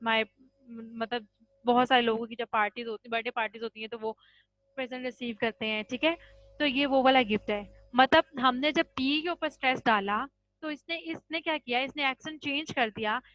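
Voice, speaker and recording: High-voiced woman teaching grammar patiently. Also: moderate pace, a bit bright, dry recording, muffled recording. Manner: patient, repeats points and checks with "ठीक है?"; addresses students as children. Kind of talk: classroom-style lesson in Hindi with English terms.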